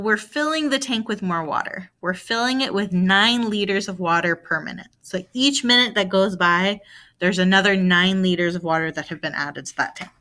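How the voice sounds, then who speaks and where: A woman's voice: fairly low pitch, sharp tone. A woman, possibly a young adult, teaching a recorded math lesson, patiently walking through a problem by asking and answering her own questions.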